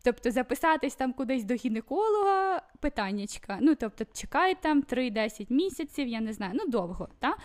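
Chatty high-voiced woman. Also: sing-song, a little fast, hardly any pauses. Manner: chatty, full of fillers and restarts. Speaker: podcast guest living in Sweden. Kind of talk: casual chat.

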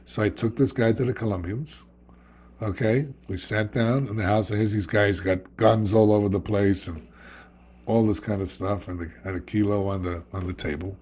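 A man's voice: on the low side, steady tone, moderate pace, darkish tone, slightly rough. A middle-aged man with a New York accent, telling his recovery story in a blunt, streetwise way, often checking in with "okay?". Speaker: guest sharing recovery story. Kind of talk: candid conversational storytelling.

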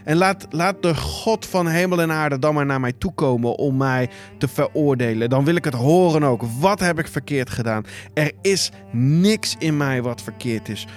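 A man's voice: on the high side, normal speed, soft background music, close to an everyday voice. A man voicing Job in a Bible retelling, a suffering man who protests his innocence in a pleading, indignant way.

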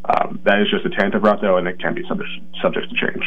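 Low-voiced man on a phone line. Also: level tone, quick pace. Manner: careful, explanatory, stops often to rephrase. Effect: heard over a phone line. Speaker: county planning coordinator, guest. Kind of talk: radio interview answers.

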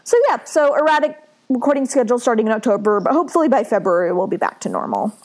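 A woman's voice: on the high side, big pitch swings, fast, a little mellow, slight background noise. A pregnant young woman co-hosting a podcast, talking casually with lots of fillers and sounding tired. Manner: chatty, many "like" fillers. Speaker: podcast co-host. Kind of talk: casual chat.

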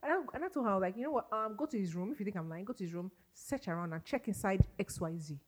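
A woman's voice: mid-range voice, expressive, racing, a little mellow. A woman, a podcast guest telling stories in casual chat and laughing often.

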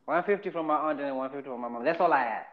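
A Zimbabwean podcast host with a Zimbabwean accent tells stories in a casual chat, speaking very fast in a voice on the high side. He is animated, repeats phrases, and acts out the voices of people in his stories. The recording sounds muffled.

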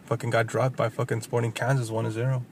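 A man's voice: mid-range voice, flat delivery, quick pace, heavy background noise. A man co-hosting a casual sports chat, reading league results and standings, swearing often and slipping in Spanish phrases. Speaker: podcast co-host reading soccer results.

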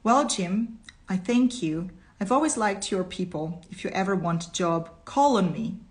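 A woman's voice: mid-range voice, lively intonation, a little slow, natural voice. Woman reading as older wealthy father, grateful, condescending, patronizing, storybook narration.

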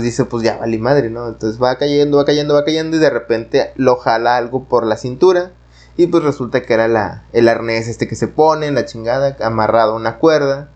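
A man with a Mexican Spanish accent who talks loosely and rambles, peppering every phrase with slang. His voice sits at an ordinary middle pitch. He tells a story in casual conversation. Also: darkish tone, lo-fi sound. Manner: rambling, slangy, many fillers.

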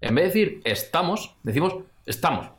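A man's voice: medium pitch, fast. A man from Extremadura hosting a podcast, chatty and telling anecdotes. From Extremadura, Spain. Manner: chatty, storytelling, animated. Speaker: podcast host. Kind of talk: casual chat.

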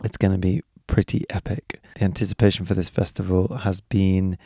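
A man's voice: low-pitched, steady tone, fairly quick, vocal fry, mellow, breathy edge, dry recording, studio quality. A man hosting a podcast in a casual, informal conversational style. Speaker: podcast host. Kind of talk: casual chat and informal announcements.

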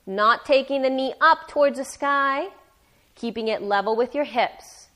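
A woman teaching a live yoga class, guiding step by step in a careful, unhurried and encouraging way. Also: high voice, pushed and bright. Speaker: yoga instructor.

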